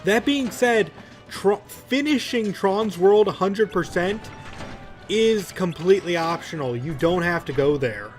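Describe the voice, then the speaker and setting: A man's voice: sits high, animated, unhurried, soft background music. A young man giving casual, rambling let's play commentary in a jokey, mock-exasperated manner.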